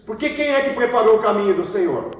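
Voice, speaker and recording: Talking fast in a high, expressive voice with a lo-fi sound, a Brazilian pastor runs a Bible class, firing questions at students and often repeating what they say. He speaks with a Brazilian Portuguese accent. It's recorded from a distance in a large, echoey room with students, and faint noise.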